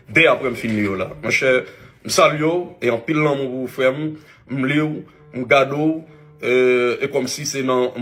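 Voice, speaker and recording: A man with a Haitian accent, an influencer giving a halting public video apology with many restarts. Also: medium pitch, a bit bright.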